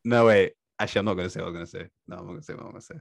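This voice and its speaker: A man's voice: low voice, steady tone, very fast, vocal fry, no echo, clean studio sound. A man chatting casually as a podcast host, informal and questioning. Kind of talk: casual chat.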